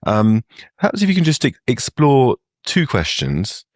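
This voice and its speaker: A man hosting an interview, asking questions in a relaxed way with occasional fillers. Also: mid-range voice, unhurried, dry recording, studio quality. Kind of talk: interview conversation. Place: TV studio.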